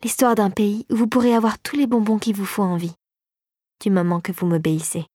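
A woman's voice: fairly even intonation, fairly quick, no room sound, studio quality, natural voice. A woman reading an audiobook, voicing a spiteful, scheming sugar plum fairy, a former doll turned regent, peevish and sly. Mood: sly whisper. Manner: peevish, scheming, by turns shrill and hushed.

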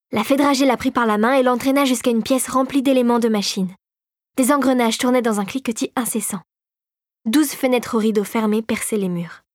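A woman narrating a storybook in a calm, measured reading voice. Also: fairly high pitch, no echo, studio quality.

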